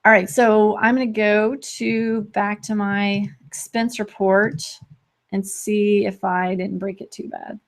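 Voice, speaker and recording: A woman hosting a live software walkthrough, talking fast and chatty, often restarting her sentences and laughing lightly between points. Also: mid-range voice, level tone. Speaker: host demonstrating software.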